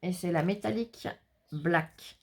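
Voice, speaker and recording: Chatty woman with a gravelly voice. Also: fairly low pitch, a little slow. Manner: chatty, rambling, self-mocking asides. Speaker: crafts vlogger. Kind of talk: casual haul video.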